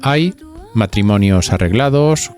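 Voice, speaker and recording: Over background music, a podcast host from Spain delivers scripted gossip with a playful, confiding, chatty manner aimed right at listeners. His fairly low voice has lively intonation and moves a little slowly.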